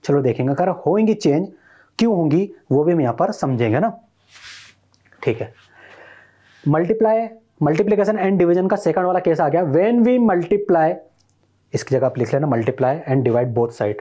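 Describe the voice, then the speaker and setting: A man's voice: a little high, expressive, unhurried, warm tone, lo-fi sound. A male math teacher giving a recorded online lesson, explaining step by step and quizzing his students as he goes.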